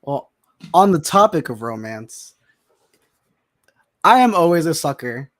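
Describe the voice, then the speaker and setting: Excitable rambling man, higher voice. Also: a little slow. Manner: excitable, rambling with many restarts. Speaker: podcast guest. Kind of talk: casual chat.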